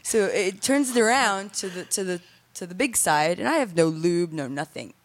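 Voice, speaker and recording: A woman's voice: fairly low pitch, animated, normal speed. A young woman telling candid, crude stories in a casual chat, full of fillers and restarts.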